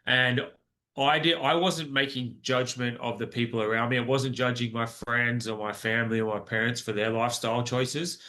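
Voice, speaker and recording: A man in his forties with an Australian accent appears as a podcast guest, telling his personal story earnestly but ramblingly, with many restarts. His mid-range voice is pushed and bright, moving little in pitch, at a normal speed.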